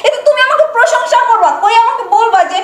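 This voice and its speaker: A woman's voice: extremely high pitch, animated, fast. A woman playing a righteous young wife who lectures and reproaches her husband for mistreating his mother. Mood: reproachful. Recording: echoey room.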